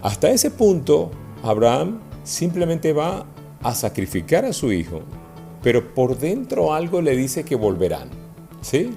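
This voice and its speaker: A man's voice: on the high side, measured pace, vocal fry, faint music behind. A man preaching a sermon to a congregation, checking in with them as he goes. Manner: animated, asks the congregation questions.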